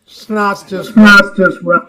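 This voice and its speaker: A man's voice: sits high, flat delivery, slow, bright, forceful tone. A man calling in by video with a stuffy cold, his words cutting in and out so that only every other word gets through, in short broken phrases. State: stuffy with a cold, just woke up. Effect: choppy call audio cutting in and out, words dropped. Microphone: video call. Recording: dull lo-fi call audio.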